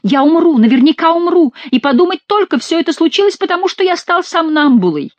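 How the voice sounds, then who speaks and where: A cowardly plump monk, as a woman puts him on whines and begs in high, swooping panic. His voice leaps up and down in alarm, close and dry. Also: huge pitch swings, fast talker, no echo. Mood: panicked. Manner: whining, panicky pleading. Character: plump timid cowardly middle-aged male monk.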